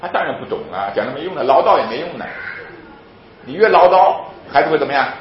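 A man delivers a rapid sermon, firing off rhetorical questions and answering them himself. His voice sits at an ordinary pitch. The room rings around him on a slightly dull recording with a faint hum of ambience behind. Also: echoey room. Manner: animated and emphatic. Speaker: preacher.

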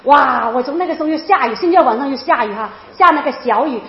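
High, fast-talking woman in an echoey room. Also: gravelly, a little hiss or hum. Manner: animated, emotional retelling with many repeats. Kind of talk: personal testimony storytelling. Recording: roomy, dull lo-fi sound.

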